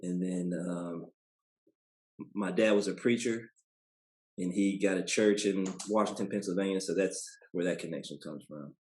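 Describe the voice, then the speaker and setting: An American man in his thirties from Indianapolis, a basketball player, chats casually as a podcast guest in a low, slightly mellow voice at a moderate pace. He's colloquial and laid-back, often tagging sentences with "you know". The sound is roomy.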